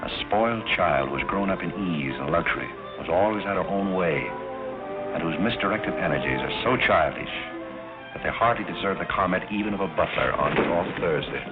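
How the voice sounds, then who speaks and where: A deep-voiced gentleman butler played by a man in an old 1930s screwball comedy. He is formal, measured and wry, on a dull vintage film soundtrack with music playing strongly behind him. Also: lightly acted. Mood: cool, polite. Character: dry, dignified gentleman working as a butler. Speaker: actor in a film.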